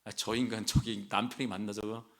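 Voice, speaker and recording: A man's voice: on the low side, little pitch movement, brisk, a bit bright, pitched below the performer's own voice, lightly acted. A man voicing an exasperated ancient wife who grumbles sarcastically about her husband. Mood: sarcastic grumbling.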